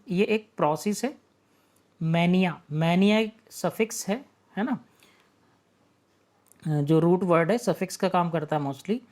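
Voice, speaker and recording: A man's voice: high voice, darkish tone. Patient male teacher explaining vocabulary. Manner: explains patiently, asks rhetorical questions, checks in with "है ना". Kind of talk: online exam-prep vocabulary lesson.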